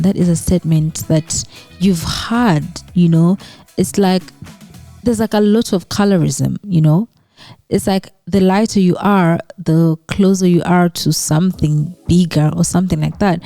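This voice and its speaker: A woman from Western Uganda with a lowish, mellow voice hosts her own YouTube channel. Her casual commentary vlog is chatty and conversational, packed with tag questions and fillers like "right?" and "you know".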